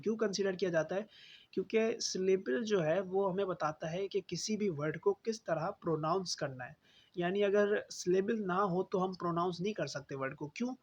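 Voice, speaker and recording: A man's voice: high-pitched, husky. A man teaching pronunciation in an online lesson. He asks his own questions, answers them, and repeats key words for emphasis. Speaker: English teacher. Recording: slightly dull, faint background hiss.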